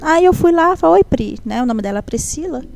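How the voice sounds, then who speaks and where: A woman giving a heartfelt personal testimony in a conversation, telling her story in a lively way and acting out the dialogue. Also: high voice, a little fast, creaky.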